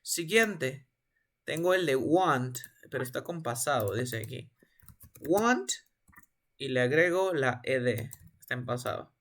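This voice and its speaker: A man teaching English pronunciation in an online class, patiently calling on students and repeating each word slowly. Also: medium pitch, a bit bright. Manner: patient, drills words by repeating them.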